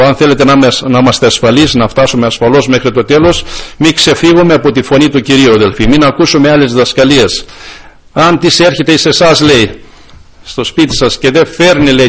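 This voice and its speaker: A man preaching a sermon to his congregation, talking in a mid-range voice. He keeps turning to his listeners and calling them brothers. His voice climbs high whenever he drives a point home. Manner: addresses listeners as brothers often, rises in pitch to stress points.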